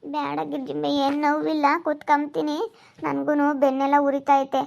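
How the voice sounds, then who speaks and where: A woman, a new mother speaking softly and slowly, close to tears. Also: sits high, monotone, vocal fry. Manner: soft, slow and tearful.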